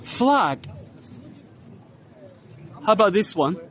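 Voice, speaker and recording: A man casually narrating a walking tour of a trade expo, unhurried, spelling out brand names letter by letter as he walks. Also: high-pitched, big pitch swings, fairly bright tone. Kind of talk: casual walk-and-talk narration. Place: large indoor trade expo hall.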